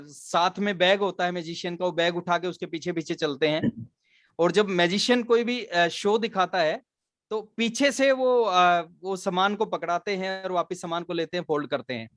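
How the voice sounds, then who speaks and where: A man's voice: high-pitched, dry recording, studio quality. A man, giving an earnest motivational business training talk, mixing English words into his speech. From Haryana, India. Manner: earnest storytelling, mixes English words into Hindi.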